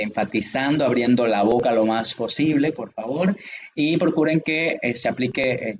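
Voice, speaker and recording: A man's voice: medium pitch, a little hiss or hum. A man teaching a lesson, explaining a test procedure step by step and checking often that his listeners follow. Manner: patient, repeats checks with listeners. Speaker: instructor.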